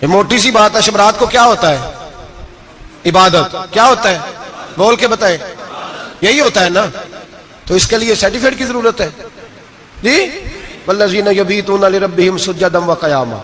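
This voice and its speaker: A man's voice: high-pitched, pauses often, sharp tone. A male preacher, giving an emotional sermon and putting questions to the congregation. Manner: rhetorical questions to the congregation, rising to emphatic peaks.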